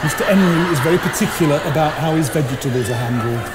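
High-voiced, flustered old rustic played by an actor. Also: male voice, a loud crowd, natural voice. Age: older. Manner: halting, bumbling, folksy. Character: kindly, flustered, loyal old rustic man. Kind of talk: stage play acting. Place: indoor theatre stage. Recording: echoey theatre stage, slight noise.

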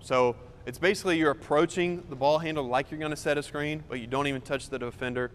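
A man's voice: a little high, fairly even intonation, fast talker. A young man explains basketball moves in a loose, conversational way as he demonstrates them. His voice rings out with a long reverb in a large indoor gym. A faint noise sits underneath. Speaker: basketball coach. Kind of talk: casual on-court demonstration.

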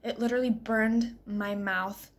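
A woman's voice: a little high, fairly even intonation, a little slow. A young woman vlogger talking casually to a camera at arm's length indoors, complaining with lots of filler words and exaggeration. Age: young adult. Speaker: travel vlogger. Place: indoor room, close to camera.

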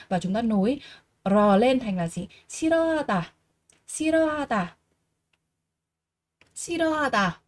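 Woman language teacher, slightly high-pitched, slow repeated words, patient explanations. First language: Vietnamese. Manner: slow, repeats each word three times and explains patiently. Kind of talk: vocabulary lesson, reading words aloud.

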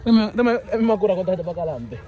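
A man's voice: high-pitched, big pitch swings, racing, dark tone. A young man, vlogging and teasing friends in slangy, joking banter outdoors, filmed on a handheld phone. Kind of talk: casual street vlog banter. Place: outdoors at a school field day on a city street. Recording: crowded outdoor street noise. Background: crowd chatter and passing traffic.

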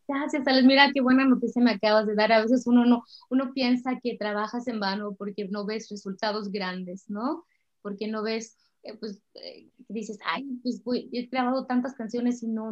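A middle-aged Mexican woman, a singer, chatting warmly and emotionally in an interview. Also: a little high, fairly even intonation, moderate pace. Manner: warm, chatty, emotional storytelling. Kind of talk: casual interview chat. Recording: slightly dull lo-fi sound.

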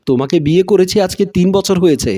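A man's voice: sits high, fast, mellow. A man reading the part of a short-tempered young husband in a storybook tale, in his own voice. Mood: stern. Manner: stern lecturing, read out plainly.

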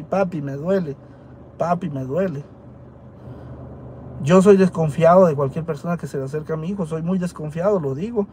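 Earnest high-voiced Guatemalan man. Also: a little mellow, slight background noise. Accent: Guatemalan Spanish. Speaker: vlogger telling his side. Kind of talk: casual talk to camera. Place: dental clinic waiting area.

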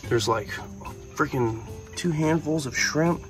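A man's voice: on the high side, takes it slowly, a bit bright. Young man vlogging enthusiastically over music. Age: young adult. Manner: chatty and enthusiastic, slipping into playful pet talk with animals. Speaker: reptile keeper and vlogger. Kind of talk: casual handheld vlog narration to viewers. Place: outdoor enclosures at night, then a large metal-walled building. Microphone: handheld phone at arm's length.

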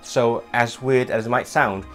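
This language vlogger host, a young man whose first language isn't English, delivers casual scripted talk to the camera from a small home room with a desk. He's animated, gesturing with his hands, and his medium-pitched voice runs a little slow over faint background music.

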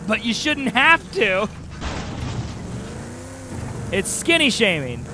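A man's voice: high voice, wildly swooping pitch, slow pace, noisy background. A man in his thirties giving casual live commentary as he streams a video game, close on the mic. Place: small room indoors. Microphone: close microphone on a stand.

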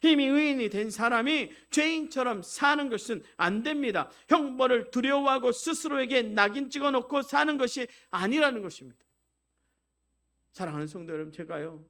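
A pastor delivering a Sunday sermon in a fairly high male voice. He calls out to the congregation again and again, climbing into loud declarations and then dropping into soft, chatty anecdotes. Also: expressive, normal speed. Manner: swings from loud preaching to quiet storytelling; exhorting, repeatedly addresses the congregation.

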